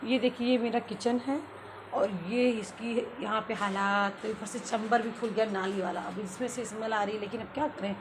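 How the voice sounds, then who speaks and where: A woman's voice: fairly high pitch, fairly even intonation, moderate pace, noisy background. A woman vlogging from her home under renovation, ranting with indignation and laughing as she tells her story. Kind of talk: casual vlog talk.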